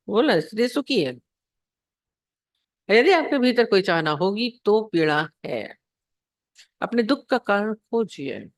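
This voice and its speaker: A woman's voice: mid-range voice, no room sound, clean studio sound. A woman spiritual teacher giving a sermon on scripture, telling parables and asking her listeners questions. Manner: storytelling, asks the listeners questions.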